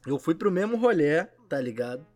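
Rio man talking thick street slang, highish voice. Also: very animated, moderate pace, darkish tone, faint music behind. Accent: Rio de Janeiro. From São Gonçalo, Rio de Janeiro state, Brazil. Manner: Rio street slang, full of filler tags. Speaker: podcast storyteller. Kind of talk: casual podcast anecdote.

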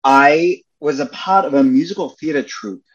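A young Australian man, a Broadway performer, chats enthusiastically as a podcast guest in a casual interview, peppering his speech with "like" and "you know." His voice sits on the high side and moves at a moderate pace, with the highs cut off in the audio.

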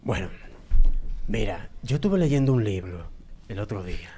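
A man's voice: on the low side, lively intonation, normal speed, mellow. Crude joking male radio host. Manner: crude, joking, laughs often. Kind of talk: comedic radio call-in banter.

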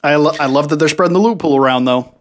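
A man's voice: a little high, fast. A man co-hosting a casual gaming podcast, easygoing and full of fillers. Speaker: podcast co-host.

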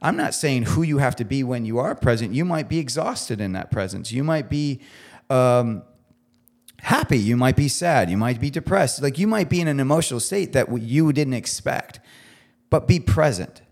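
A man's voice: mid-range voice, expressive, normal speed. A man talking as a guest on a podcast, earnest and emphatic in casual conversation, at times moved to the edge of tears. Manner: heartfelt, gets teary.

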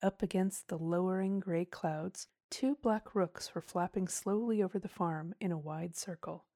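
A woman giving a measured, expressive audiobook narration of a storybook. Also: lowish voice, dry recording, clean studio sound.

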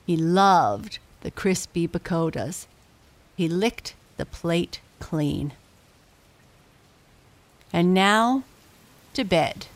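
Very slow, soft woman telling a bedtime story. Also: on the low side, animated. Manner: gentle, unhurried, with long pauses.

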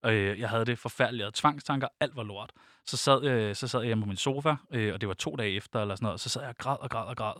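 A man's voice: mid-range voice, fairly bright tone, dry recording, studio quality. A young man speaking Danish, a guest telling personal stories in an interview, open and reflective, often laughing. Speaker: podcast guest.

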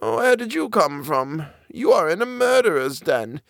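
A man voicing a very old woman who speaks slowly and softly with urgent pity. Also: a little high, very animated, gravelly, no room sound, studio quality, pitched above the performer's own voice, heavily acted. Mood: hushed urgent. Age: older. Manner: slow, pleading, hushed. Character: very old kindly woman, hushed.

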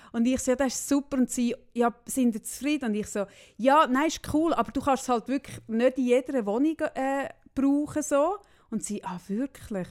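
A woman with a Swiss German accent chats casually and spins everyday anecdotes. She acts out both sides of a conversation as she goes. Her voice sits somewhat high. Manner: lively storyteller, acts out dialogue in anecdotes. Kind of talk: casual chat.

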